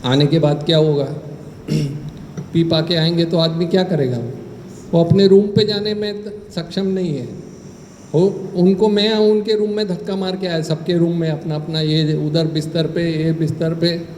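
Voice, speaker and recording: A man giving a Hindi scripture talk in a temple hall, telling personal stories and acting out the dialogue with lively energy. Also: on the high side, a little slow, a little hiss or hum. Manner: animated storyteller who acts out dialogue. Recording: echoey hall with faint ambience.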